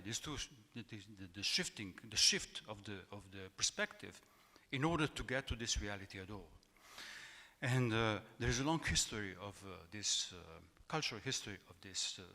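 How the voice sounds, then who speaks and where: A man giving an academic talk in a halting way, with many fillers and repeated words. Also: fairly low pitch, pushed and bright. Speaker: academic speaker. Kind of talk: academic lecture. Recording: echoey hall.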